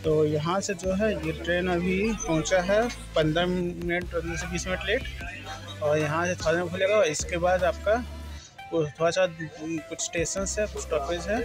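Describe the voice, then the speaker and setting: A man's voice: high-pitched, fairly even intonation, normal speed, music in the background. A young man vlogging a train journey, chatting casually and explaining each step with many fillers, filmed on a phone at arm's length. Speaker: travel vlogger. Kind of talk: casual travel vlog narration. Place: on a train and station platforms, indoors and out. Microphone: phone camera at arm's length.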